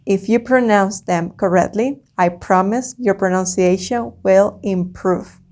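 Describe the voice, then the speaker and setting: A woman, a native Spanish speaker with a Spanish accent, teaching a slow language lesson like a dictation, deliberately repeating words and sounds for the learner. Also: mid-range voice, darkish tone.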